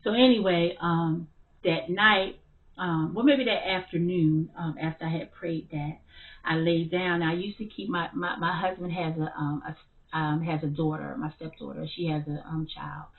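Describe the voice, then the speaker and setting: Woman, spiritual testimony, halting, lowish voice, tinny narrow sound. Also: steady tone. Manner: hesitant, halting, many fillers and restarts. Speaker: mother telling her story.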